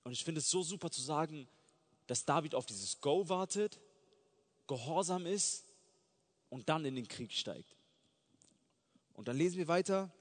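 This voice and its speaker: A man's voice: on the high side, lively intonation, a little slow, long pauses. A man preaching a sermon in an earnest, fervent way that builds to emphatic peaks. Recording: long hall reverb.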